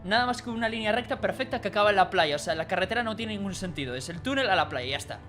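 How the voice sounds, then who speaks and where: A streamer, casually recounting a dream in an animated, rambling way with quiet asides. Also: medium pitch, racing, soft background music.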